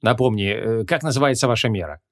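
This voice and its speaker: A man voicing a hot-tempered ancient male archmage, gruff and imperious, in an audiobook. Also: medium pitch, fast, natural voice.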